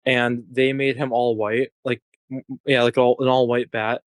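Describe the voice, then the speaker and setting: A man's voice: medium pitch, little pitch movement, moderate pace, no room sound. A man co-hosting a casual art podcast, rambling with lots of restarts and the odd swear word. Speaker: podcast co-host. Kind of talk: casual chat.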